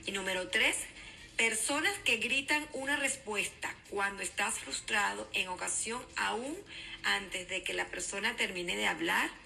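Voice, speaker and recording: A woman, a certified communication coach, giving a calm, instructive podcast talk and repeating her key steps. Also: mid-range voice, unhurried, vocal fry, low-quality recording. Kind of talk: podcast self-help talk.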